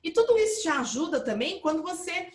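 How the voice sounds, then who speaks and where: A woman teaching a live online English lesson, explaining with lively emphasis and checking in with her viewers. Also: very high voice, fairly quick, echoey room.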